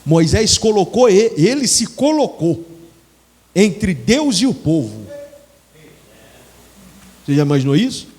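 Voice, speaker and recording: A man with a Brazilian Portuguese accent preaching a sermon, animated and acting out biblical dialogue. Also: high-pitched, measured pace, pauses often, husky, big-room sound.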